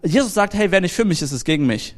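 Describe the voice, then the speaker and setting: A young man gives a relaxed, storytelling sermon and talks straight to the people in front of him. His voice sits fairly high for a man, and he keeps the talk personal and informal. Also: fast. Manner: lively, anecdotal, direct address to the audience. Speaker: preacher. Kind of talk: casual youth sermon.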